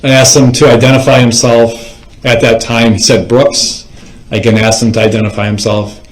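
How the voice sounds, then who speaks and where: A man testifying in court as a police officer, giving formal, measured, report-style answers. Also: medium pitch, level tone. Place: indoors in a courtroom. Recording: echoey courtroom microphone.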